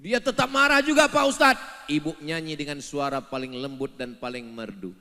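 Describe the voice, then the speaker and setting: A man preaching a humorous sermon, joking, swinging between loud outbursts and soft asides, at times breaking into chanted song. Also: a little high, lively intonation, normal speed, big-room sound. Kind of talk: humorous sermon with sung passages.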